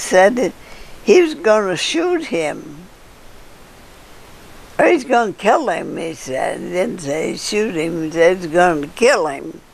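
An older woman being interviewed, telling old neighborhood stories in a halting way with fillers and chuckles. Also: medium pitch, creaky. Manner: halting storyteller with frequent laughs and fillers. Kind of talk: casual reminiscing.

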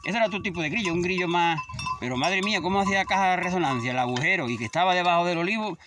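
A man's voice: high-pitched, rapid-fire, over music. A man in his fifties, a shepherd chatting casually outdoors in a vlog. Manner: chatty, scolds animals between stories. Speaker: shepherd vlogger. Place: outdoors in a field.

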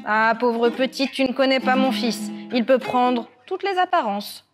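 A woman's voice: high voice, animated, measured pace. A woman voicing the devil's old mother, stern and warning, over guitar music.

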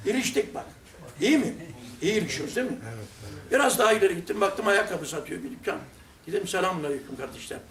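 A man's voice: high-pitched, expressive, fast, fairly bright tone. An older man from Turkey teaching a religious lesson through humorous anecdotes, acting out the dialogues himself. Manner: humorous, acts out dialogues from his stories. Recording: roomy sound from a distant mic with faint noise.

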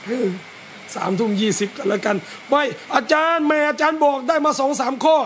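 A man, a religious teacher, gives a lively lecture at a home gathering, talking straight to his listeners. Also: very high-pitched, fairly quick, a little hiss or hum. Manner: lively, talks straight to listeners and acts out scolding parents.

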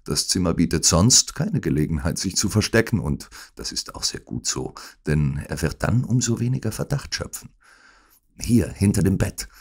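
A man voicing a gravely ill detective who whispers weakly but gives urgent, commanding orders. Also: low voice, big pitch swings, moderate pace, full character voice. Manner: weak, breathy, urgent orders. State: feverish and dying. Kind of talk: audiobook acting.

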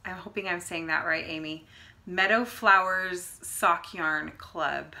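Bright, gushing woman co-host. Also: lowish voice, slow pace, vocal fry. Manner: gushing, enthusiastic. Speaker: podcast co-host. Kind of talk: casual chat. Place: home room, recorded on a phone.

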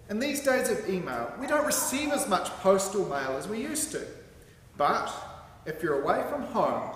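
A man stands at a lectern microphone in a large indoor hall with a curtained stage, reading a sermon from a script in a deliberate, emphatic way. His voice sits high, and the very echoey hall carries some background noise.

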